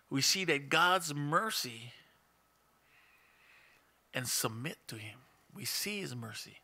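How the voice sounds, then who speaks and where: A middle-aged pastor with a Hawaiian Pidgin-tinged accent preaches a conversational sermon while seated in a small church room, a stand mic in front of him, and puts questions to the congregation. His voice is mid-range, bright and husky, with a forceful tone.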